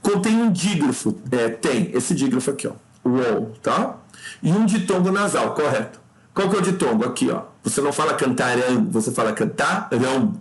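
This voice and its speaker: A man from Brazil teaching an exam review lesson, talking the listener through each answer, checking in often with quick asides and jumping higher in pitch to stress his points. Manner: explanatory, peppered with "tá?" check-ins and addressing the listener as "cara"; lively pitch jumps when stressing points.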